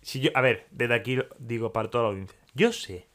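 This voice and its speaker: A man's voice: medium pitch, lively intonation, quick pace, crowd noise. A young man co-hosting a casual podcast chat, ranting heatedly and laughing often. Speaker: podcast co-host.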